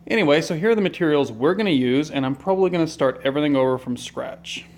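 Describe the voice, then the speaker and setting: A hobby tutorial maker explains a craft how-to quickly in a flat, even voice. He's plain and low-key, meandering through a casual tutorial with lots of ums.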